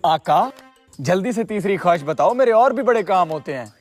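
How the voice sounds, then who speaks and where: A man's voice: high-pitched, animated, moderate pace, soft background music. A man voicing a blue male genie, formal and obliging, who calls his master "aaka" and grants wishes in a hurry. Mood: grand, hurried.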